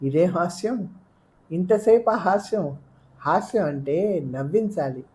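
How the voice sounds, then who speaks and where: A woman's voice: fairly low pitch, slow pace, warm tone, voice pushed up. A woman reading the part of a bewildered, anxious young man, pressing with urgent questions in an audiobook. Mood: distressed pleading. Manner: pleading, rising urgent questions.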